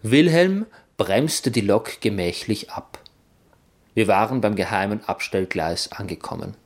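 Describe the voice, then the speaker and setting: A man reading a children's adventure story aloud in first person, with expressive, playful delivery. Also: on the low side, unhurried. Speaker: narrator.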